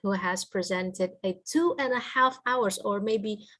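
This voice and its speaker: A woman with an Indonesian accent moderates an academic session over a video call. Her pitch sits in the middle of the female range. She speaks politely and semi-formally, searching a little for her phrasing as a native Indonesian speaker. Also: a little slow, fairly bright tone. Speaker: moderator of an academic guest lecture. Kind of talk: semi-formal closing remarks at an online lecture.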